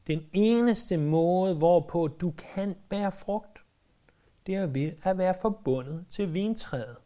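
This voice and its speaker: A man's voice: high voice, warm tone. Earnest man preaching a sermon. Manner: earnest, emphatic preaching with repeated phrases.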